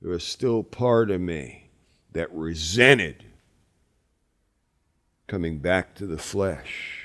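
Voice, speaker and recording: A man who teaches wilderness classes recounting a personal spiritual experience, slow and emphatic, rising to loud peaks then sinking low. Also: expressive. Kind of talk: spoken personal recollection.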